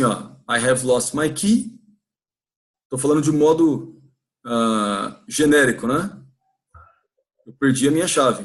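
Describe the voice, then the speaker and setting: A man with a Brazilian Portuguese accent teaching an English lesson in a church classroom, stretching out model phrases slowly for students to repeat. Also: fairly high pitch, darkish tone.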